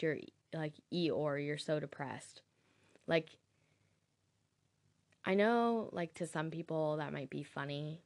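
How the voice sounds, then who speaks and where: Low-voiced young woman telling a story. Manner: candid, swears, laughs at her own story. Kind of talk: casual storytelling.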